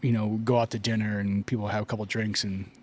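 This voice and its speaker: A man's voice: lowish voice, level tone, fast talker, a little hiss or hum. A man from Northeastern Ohio hosting a casual podcast chat, rambling with many fillers and laughing often. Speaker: podcast host.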